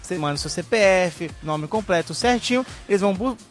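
A Brazilian man pitching supermarket offers live on radio like a market barker, reeling off products and prices. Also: expressive, fairly quick, soft background music. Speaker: supermarket spokesman reading out offers.

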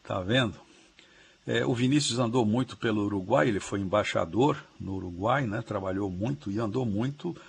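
Low, husky-voiced man as the radio's language professor, patient and chatty. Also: normal speed. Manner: chatty, explains patiently with asides. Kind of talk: explaining spelling rules on air, casual. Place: remote line from abroad.

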